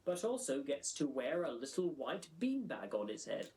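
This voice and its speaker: A man's voice: medium pitch, very animated, moderate pace, creaky, warm tone. A man delivering scripted comedic review narration in a wry, sarcastic, wordy manner. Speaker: video essay narrator.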